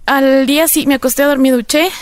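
A woman's voice: high-pitched, steady tone, fast, no room sound. A woman with an Ecuadorian accent, candidly telling her personal recovery story in an interview, rambling with many fillers. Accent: Ecuadorian Spanish. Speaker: interview guest.

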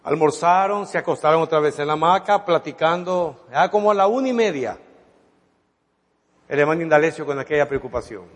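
A man's voice: on the high side, expressive, brisk. A male preacher dramatically retelling a story in a sermon, acting out the dialogue as he goes. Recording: long reverb of a hall.

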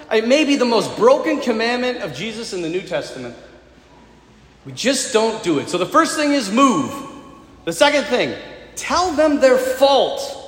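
Animated priest preaching in an echoey hall. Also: male voice, extremely high pitch. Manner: animated preaching with acted-out quotes and humor. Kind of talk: sermon. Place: church. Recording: echoey church hall with faint ambience.

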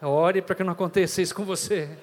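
A man preaching a storytelling sermon with a dramatic delivery, sometimes shouting. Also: high-pitched, steady tone, quick pace, long reverb tail, slight background noise.

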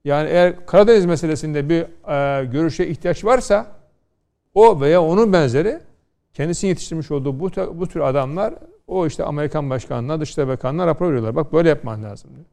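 A man's voice: fairly high pitch, fast talker, vocal fry, dark tone. A middle-aged man from Konya, a law scholar on a studio panel, lecturing and telling stories with rhetorical questions. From Turkey, Konya.

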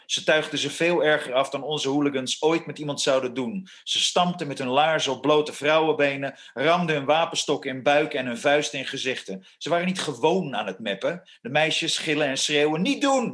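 An actor playing a brash young male football hooligan recounting a street fight in rough slang. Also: mid-range voice, fairly bright tone, lightly acted. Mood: grim. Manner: boastful storytelling, rough slang.

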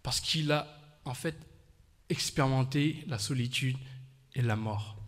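Earnest male preacher in reverberant hall. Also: mid-range voice. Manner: earnest, pausing in short phrases. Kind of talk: sermon with live interpretation.

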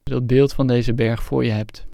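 A man with a noticeably creaky voice leads a guided meditation. His delivery is calm and unhurried, giving gentle instructions with pauses between phrases. The sound is dry and close, with very little room. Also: mid-range voice, no echo. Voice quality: creaky, gravelly fry. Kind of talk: guided meditation, slow visualisation narration.

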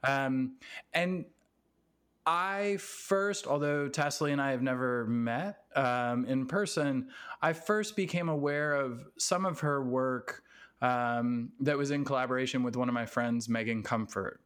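A man hosting a casual interview podcast in a halting, rambling, self-deprecating way. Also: medium pitch, a bit bright, smooth. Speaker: podcast host. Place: basement apartment at home.

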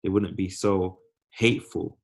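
A man's voice: deep voice, fairly even intonation, a little slow, vocal fry. A man giving opinions in casual discussion, making his points emphatically in short phrases.

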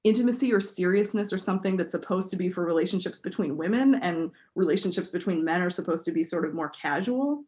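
A woman co-hosting a podcast, talking things through in a thoughtful, animated way. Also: on the low side, fast, few pauses. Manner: thoughtful, animated, many fillers. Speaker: podcast co-host. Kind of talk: casual chat.

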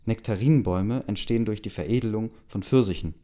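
A man voicing a dry, know-it-all woman who owns a castle, speaking in a deadpan, lecturing way. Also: fairly low pitch, quick pace, natural voice.

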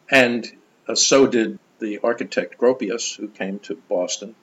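Low-voiced older man telling stories. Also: highs cut off. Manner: animated, enthusiastic storyteller. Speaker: interview guest. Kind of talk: conversational storytelling.

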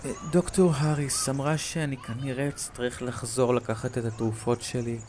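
A man's voice: medium pitch, flat delivery, darkish tone, a little hiss or hum, lightly acted. A man voicing his laid-back young twin brother in a creepy story. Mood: calm explaining.

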